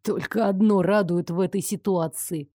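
Lady narrator doing a cocky young guy, drawls and sulks, dark mellow tone, dry sound. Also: mid-range voice, fairly even intonation, normal speed, no echo, lightly acted. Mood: teasing. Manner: drawling, sulky grumbling. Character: young man, brash, teasing investigator. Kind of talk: audiobook character reading.

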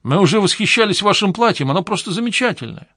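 A sweet, wide-eyed young college woman, eager and raised in pitch, as a male narrator puts her on. The recording is dry and close. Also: lively intonation, fast, a bit bright, no echo, exaggerated voice.

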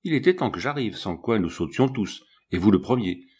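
A man doing a brisk, cool-headed giant. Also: on the low side, lively intonation, darkish tone, breathy edge. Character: huge strong calm man, a giant.

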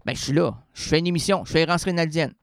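A man's voice: on the high side, fast talker, gravelly, dry recording, studio quality. A man hosting a radio show, reading poetry and rambling with jokes and word play. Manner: rambling, self-interrupting, jokey with sudden singing and word play. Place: radio studio.

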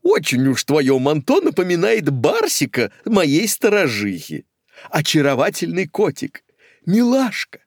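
A man's voice: on the high side, huge pitch swings, a little slow, no echo, clean studio sound, voice pushed up, full character voice. A man voicing a flighty, effusive elderly woman in an audiobook. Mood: gushing. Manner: effusive, fluttery. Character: flighty, gushing elderly woman, newly divorced.

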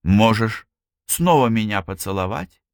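A man reading the lines of a shy, tender young woman in an audiobook, speaking softly, almost in a whisper. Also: lowish voice, expressive, unhurried, dry recording, clean studio sound. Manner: soft, near whisper.

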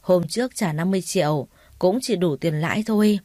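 A woman voicing a smug, lecherous male loan shark who makes slow, leering threats in a storybook reading. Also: fairly low pitch, dark tone, dry recording, clean studio sound, lightly acted. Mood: leering, menacing.

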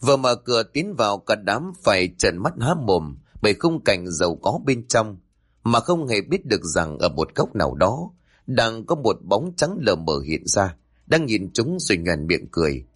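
A man's voice: on the low side, big pitch swings, normal speed, slightly rough, no room sound, clean studio sound. Dramatic male horror narrator. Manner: dramatic, tense. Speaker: storyteller. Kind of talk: spoken horror story narration.

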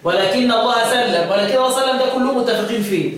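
A man with an Egyptian Arabic accent teaching the Quranic readings, quizzing his students and chanting verses slowly. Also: very high-pitched, a bit bright. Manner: quizzing students with repeated questions. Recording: echoey room, distant mic, faint noise.

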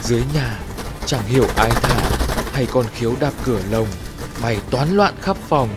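A man's voice: medium pitch, animated, moderate pace, loud music behind the voice. A man narrating a first-person horror story in a tense, scripted way.

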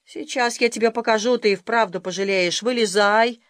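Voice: normal speed, no echo, studio quality, lightly acted. A reader doing a menacing stern father. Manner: low, quiet, threatening.

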